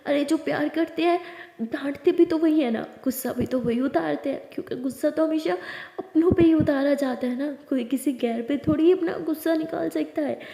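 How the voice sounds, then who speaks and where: A woman voicing a gentle young college woman who comforts her girlfriend in a soothing, reassuring way. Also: high voice, normal speed, vocal fry. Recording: echoey room with long reverb.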